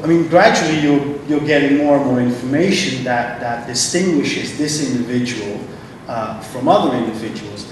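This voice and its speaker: Halting man in an echoey hall. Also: mid-range voice. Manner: halting, many restarts and fillers. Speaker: panel speaker from a refugee agency. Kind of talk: conference panel remarks. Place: large conference hall. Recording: echoey hall, distant mic, noisy.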